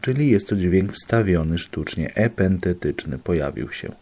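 Low, husky man; student walking peers through examples methodically, lesson style. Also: animated, moderate pace, mellow. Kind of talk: explanatory lesson.

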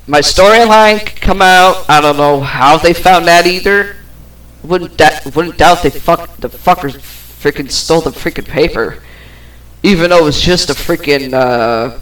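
A woman's voice: low voice, low-quality recording. A woman hosting her own podcast, ranting in a rambling way, swearing now and then and trailing off with fillers. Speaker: podcast host. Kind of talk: personal podcast rant.

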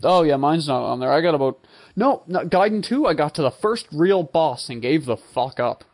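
A man's voice: on the high side, expressive, normal speed, a little hiss or hum. A man co-hosting a gaming show in casual banter, joking and ranting with plenty of swearing. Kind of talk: casual video game banter.

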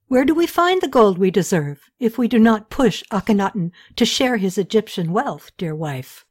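A woman's voice: medium pitch, expressive, normal speed, darkish tone, lightly acted. A woman voicing a young, troubled ancient king who explains matters earnestly.

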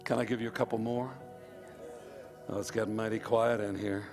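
Brisk and level-toned, with a voice on the low side, this Northern Irish man preaches live to a congregation in a church hall. Music plays in the background as he drives points home through emphatic, fervent repetition.

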